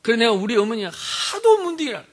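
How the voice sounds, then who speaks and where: Male pastor, sermon. High voice that jumps all over, swinging loud to soft, joking with the room. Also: fast. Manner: animated, humorous preaching, swinging from loud to soft.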